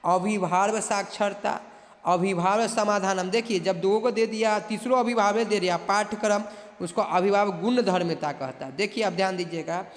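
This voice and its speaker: A male exam prep teacher with a high voice, reading Sanskrit questions slowly and explaining them in brisk Hindi. He keeps reminding students to pay attention. The room is echoey, with a long reverb tail. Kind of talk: exam coaching lecture.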